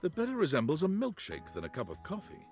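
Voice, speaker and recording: An actor as a wry narrator reading scripted second-person narration for a video game. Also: male voice, on the high side, wildly swooping pitch, quick pace, a little mellow. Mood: dry, descriptive. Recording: music behind the voice.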